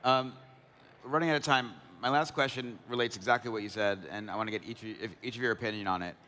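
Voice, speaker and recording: A man's voice: mid-range voice, steady tone, quick pace, bright, forceful tone, a little hiss or hum. A man moderating a conference panel, putting questions onstage in a conversational style. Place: large conference hall. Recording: reverberant conference hall.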